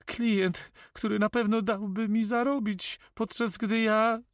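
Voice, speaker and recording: A man voicing a fretful, whining old male notary with a high, sighing voice in an audiobook. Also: fairly even intonation, takes it slowly, no room sound, studio quality. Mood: plaintive.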